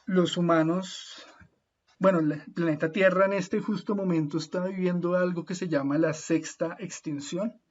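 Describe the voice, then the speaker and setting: A man gives an easygoing online lecture in a slightly high voice. He talks patiently, pausing to make sure everyone follows and drawing out the hard Latin names. His voice comes through muffled video call audio. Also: darkish tone. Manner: friendly, patient, often checks in with "¿listo?"; slows down to spell out Latin names. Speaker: speaker at an online talk. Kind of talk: informal lecture.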